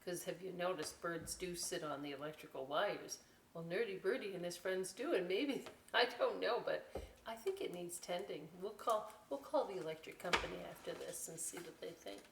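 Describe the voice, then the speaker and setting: Gravelly and on the low side, at a normal pace, an American woman reads a picture book aloud expressively for a children's story time, with folksy, explanatory asides. The recording carries a little hiss or hum, a roomy echo, and a distant mic.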